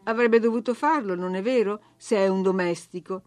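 A woman's voice: mid-range voice, moderate pace, a little mellow, no room sound, natural voice. A woman voicing a spoiled, imperious young girl who gives orders and grows indignant, in a storybook reading. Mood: haughty. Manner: bossy, indignant, whiny.

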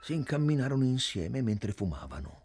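A man narrating a literary novel as an audiobook, in a measured reading voice. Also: mid-range voice, very animated, very noisy.

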